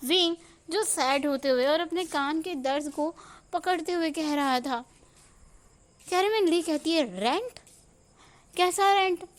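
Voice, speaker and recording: High-voiced woman narrating a fan story. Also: unhurried. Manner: switches to acted dialogue for characters.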